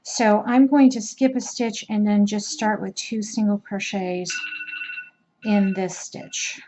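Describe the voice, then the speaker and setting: A woman giving a step-by-step crochet tutorial, talking slowly as she works and adding self-deprecating asides. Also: mid-range voice, fairly even intonation, background noise. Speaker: crochet instructor.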